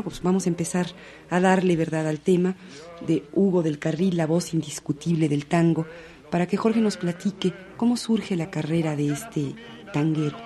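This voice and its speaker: A woman's voice: fairly low pitch, mellow. A woman hosting a radio program, presenting in an articulate, slightly formal way. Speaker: radio host.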